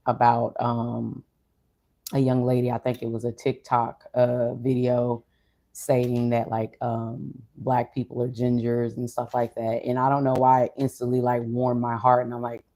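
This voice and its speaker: A vlogger talking casually and reflectively in a low-energy, unhurried, subdued way, with a mellow voice. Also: completely flat delivery, gravelly. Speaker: streamer or vlogger. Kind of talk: casual reflective monologue to an audience.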